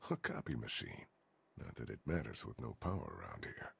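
Gravelly, weary male survivor. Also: very deep voice, big pitch swings, fairly quick, a bit bright, full character voice. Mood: searching, subdued. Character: weary, careful, protective man, survivor in zombie apocalypse. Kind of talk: video game voice acting.

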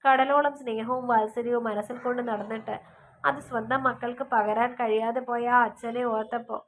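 A woman's voice: on the high side, a little hiss or hum, close to an everyday voice. A woman voicing a teasing young woman who talks in a sad, reflective way about missing her father.

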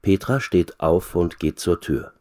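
A man reading a graded storybook aloud for language learners, slowly and clearly. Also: deep voice, mellow. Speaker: reader.

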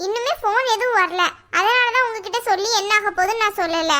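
A woman voicing a defensive, quick-tempered young wife in a cartoon, pleading her case in a Tirunelveli Tamil accent. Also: very high voice, bright, forceful tone. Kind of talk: cartoon voice acting.

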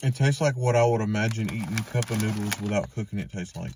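A man's voice: on the low side, steady tone, quick pace. A man in his thirties giving short, casual, crude snack-review remarks in a parked car while crunching chips. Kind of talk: casual food review chat, crude joking. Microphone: camera on dashboard, a little away. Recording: slightly distant, noisy crinkling and clicking.

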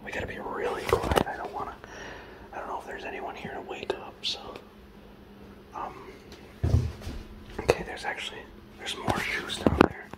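Brief: male, thirties, whispered comedy bit, hesitant filler-heavy whisper, phone held close, dark house. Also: moderate pace, pauses often, rough recording. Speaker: comedian host. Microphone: handheld phone camera close up.

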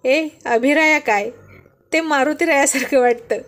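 A greedy young man who is always after food and cracks jokes, as a woman storyteller plays him. He sounds eager and a touch high-pitched in this told tale. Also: unhurried, a bit bright. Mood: joking.

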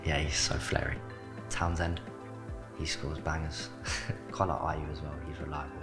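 With a rumbling low voice that barely moves in pitch, a young man talks a little slowly. He's an academy footballer in his late teens from south London with a South London accent, keeping his interview replies short and plain and using "like" as filler. A handheld mic captures him in an indoor club media studio, background music playing.

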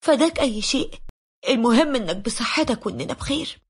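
A woman's voice: a little high, lively intonation, fairly quick, slightly rough. A woman with an Egyptian accent voicing a devoted young wife who pleads with her husband. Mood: pleading.

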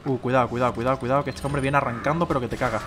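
A young male gameplay streamer with a Spain Spanish accent gives casual, slang-heavy commentary on his own play, rambling as he flips between excited yelling and quiet mumbling. He talks very fast over a noisy background.

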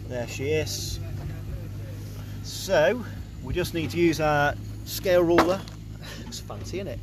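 Speaking slowly in a fairly high voice, a young man explains his bricklaying work one step at a time in a plain, casual on-site vlog. It's recorded outdoors at a building site, with background noise from the site audible.

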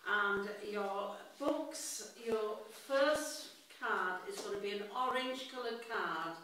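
A woman calling out bingo numbers in a deliberate, formulaic way, with set rhyming phrases. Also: mid-range voice, pushed and bright, a little hiss or hum. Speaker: bingo caller. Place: indoor room with bookshelves. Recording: echoey room, distant from the mic.

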